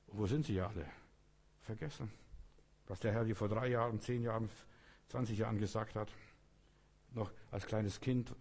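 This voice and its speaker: Husky preacher in a reverberant hall. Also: male voice, mid-range voice. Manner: emphatic, alternating quiet intensity with raised exclamations. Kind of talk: sermon.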